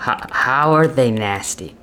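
A man's voice: medium pitch, unhurried, pushed and bright, a little hiss or hum. A man playing a baffled male coworker who stammers awkwardly and humors a colleague. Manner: awkward, stammering, laughing along.

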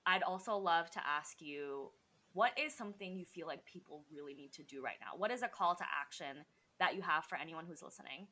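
A woman's voice: on the low side, lively intonation, fairly quick, pushed and bright. A woman hosting a podcast interview, asking closing questions and responding with emotional encouragement. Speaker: podcast host.

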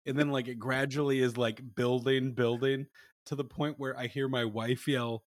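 A man's voice: mid-range voice, flat delivery, moderate pace, no echo, clean studio sound. A man co-hosting a podcast, telling self-deprecating stories in casual chat. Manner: storytelling, self-deprecating, laughs between lines. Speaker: podcast co-host.

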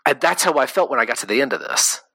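A man co-hosting a casual podcast about comics, talking in animated quick bursts full of fillers. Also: mid-range voice, gravelly, husky, dry recording. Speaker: podcast co-host. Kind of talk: casual chat.

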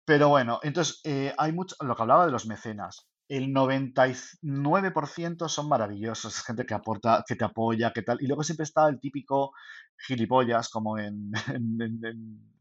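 A man's voice: mid-range voice, moderate pace, dull audio. A man with a Spanish accent co-hosting a podcast, talking casually and rambling with many restarts. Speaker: podcast co-host, self-published photographer. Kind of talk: casual chat.

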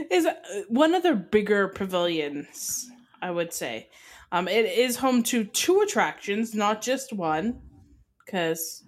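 Giggly Canadian woman podcast host. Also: mid-range voice. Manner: chatty, giggly, playful with French words. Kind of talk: casual chat.

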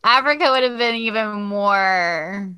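A woman co-hosting a casual podcast, chatty and playful, with "like" sprinkled through her guesses. Her voice is bright and clear, and her pitch moves a lot even as she talks slowly. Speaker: podcast co-host. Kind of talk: casual chat.

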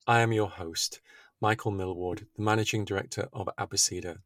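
A man's voice: fairly low pitch, steady tone, a little fast, a bit bright, no echo. A man from Yorkshire with an English accent, hosting a podcast in a polite, rather formal way. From Yorkshire, England. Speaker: podcast host, managing director.

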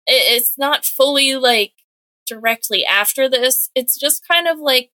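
A young woman in casual podcast chat, retelling a comic book story with lots of filler words and quick acted-out quotes. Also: sits high, bright, forceful tone, no room sound. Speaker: podcast co-host.

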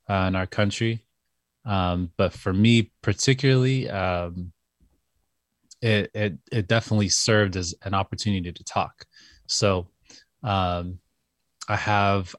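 A man with a low voice answers podcast questions thoughtfully, pausing and restarting as he searches for words. The sound is dry and close, with no room echo. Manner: thoughtful, hesitant, many fillers and restarts. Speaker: podcast guest. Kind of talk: casual interview chat.

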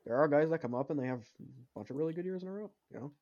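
A man co-hosting a casual sports podcast, lively and teasing with his friends. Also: on the high side, racing. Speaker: podcast co-host. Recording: slightly dull lo-fi sound.

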